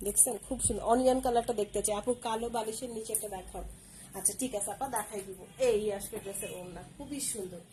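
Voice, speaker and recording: A woman's voice: a little high, quick pace, warm tone, soft background music, poor audio. A woman hosting a live clothing sale stream, using repetitive, persuasive sales patter.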